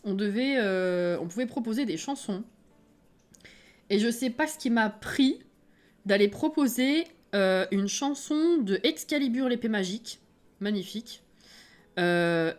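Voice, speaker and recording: A woman with a French accent, streaming live and chatting casually with her viewers, self-mocking and quick to laugh. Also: fairly high pitch.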